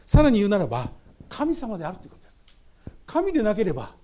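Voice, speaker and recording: A man's voice: high voice, wildly swooping pitch, fast talker, mellow. A man from Japan, a pastor, preaching a memorial service sermon and often turning to address the congregation.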